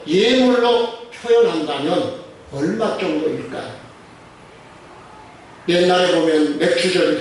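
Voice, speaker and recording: Male pastor, middle-aged, questioning sermon style, heard from a distance in a booming church hall with faint noise. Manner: asks the congregation many questions, repeats phrases. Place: church sanctuary. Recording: very echoey church hall from far off.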